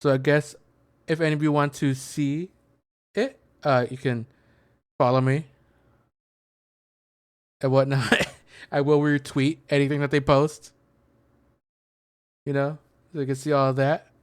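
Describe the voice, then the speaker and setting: A man with a mid-range, level voice speaks a little slowly with long pauses while streaming a game, offering casual, rambling commentary as he thinks aloud, searches for words and reads things out. He's a video game streamer and host, recorded cleanly in a studio with no room sound.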